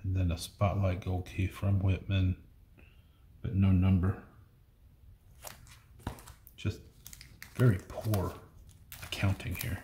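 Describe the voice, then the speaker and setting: Sitting at a table in an echoey room with faint noise, a middle-aged comic collection unboxing host goes through old comics, calling out issue numbers and muttering comments. His voice is low, monotone and dark, slow with frequent pauses, captured by a fixed camera across the table.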